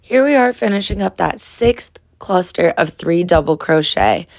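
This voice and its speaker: A woman's voice: on the low side, expressive, normal speed, no room sound. A woman with a nasal, stuffed-up voice from a cold, hosting a friendly step-by-step crochet tutorial. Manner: friendly, instructive, addresses viewers as friends.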